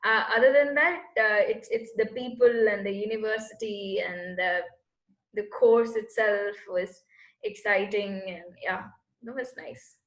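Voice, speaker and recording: A woman's mid-range voice unfolds at a measured pace in an echoey room. She's a space entrepreneur from Bangalore, India, giving casual interview answers as a guest, earnestly laying out her path and pausing to find her words.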